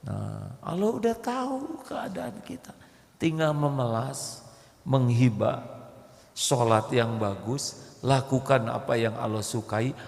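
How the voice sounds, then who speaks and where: A man's voice: mid-range voice, gravelly. A man preaching an Islamic sermon to a congregation, telling stories and acting out pleading voices. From Indonesia. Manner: lively storytelling, acts out pleading voices. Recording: echoey hall.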